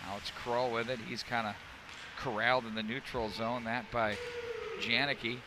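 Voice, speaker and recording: Man, play-by-play announcer for a hockey game outdoors, noisy street sound behind, middle voice, quick punchy calls. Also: medium pitch, fairly even intonation. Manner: rapid calls that rise sharply on scoring chances. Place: outdoor rink broadcast.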